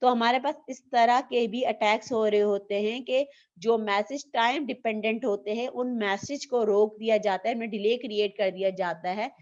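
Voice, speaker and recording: A woman teacher gives an online lecture with a slightly high voice, asking questions and answering them herself. The audio is dull and lo-fi. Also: fairly even intonation, normal speed, darkish tone.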